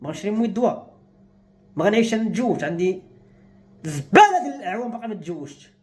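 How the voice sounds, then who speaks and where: A man's voice: high voice, sing-song, very fast. A young man with a Moroccan Arabic accent, speaking to camera in an agitated, despairing rant. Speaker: vlogger. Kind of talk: emotional monologue to camera.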